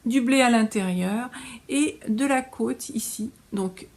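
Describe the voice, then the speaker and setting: A woman's voice: on the high side, takes it slowly, a little mellow. Chatty French woman hosting a knitting show. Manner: chatty, hesitant with frequent fillers and restarts. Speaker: knitting podcast host. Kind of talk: casual show-and-tell chat.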